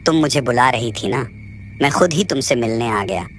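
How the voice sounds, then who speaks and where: A man's voice: mid-range voice, lively intonation, moderate pace, soft background music, natural voice. A man voicing a frightened young man. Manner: frightened, pleading. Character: frightened young man visiting a haunted ruin. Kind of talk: storybook narration.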